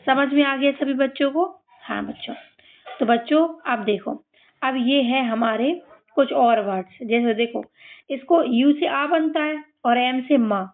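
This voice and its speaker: A woman with a high-sitting voice teaches children phonics, slowly and patiently sounding out each word and often checking that they're following. The recording has a tinny, phone-like quality.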